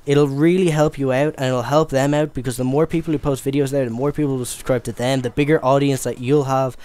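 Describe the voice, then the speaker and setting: A young Irish man talks fast over gameplay in casual commentary, rambling and stammering with plenty of fillers. His medium-pitched voice is steady and somewhat dark in tone.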